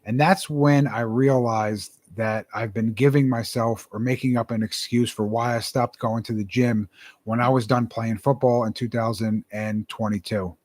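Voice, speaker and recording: A man's voice: medium pitch, steady tone, moderate pace, a little mellow. A young man, a self-published author, talking casually and earnestly to camera, rambling and repeating his words.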